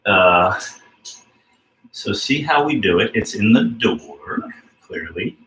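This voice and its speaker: Lively, bright-voiced man coaching a workout. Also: fairly low pitch, slow pace. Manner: relaxed, chatty coaching with fillers. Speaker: fitness trainer. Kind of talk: casual workout instruction. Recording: roomy sound from a distant mic.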